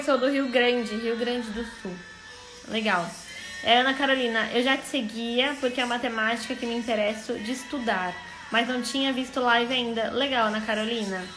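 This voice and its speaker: A woman's voice: fairly high pitch, a bit bright, roomy sound, poor audio. A Brazilian woman in her thirties, a psychologist hosting a casual live stream, welcoming viewers in a chatty way. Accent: Brazilian Portuguese. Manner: chatty, welcoming, thinks aloud. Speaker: host, psychologist. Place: home, on an Instagram live stream.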